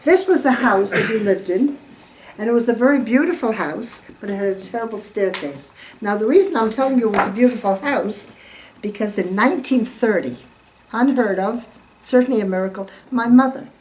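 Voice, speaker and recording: This Holocaust survivor, a woman in her eighties born in Poland and raised in America, talks to guests gathered in her home with a fairly high, slightly mellow voice that runs a little fast. The audio is poor, with some hiss or hum. Her testimony is informal and emphatic, and she frequently questions the people listening.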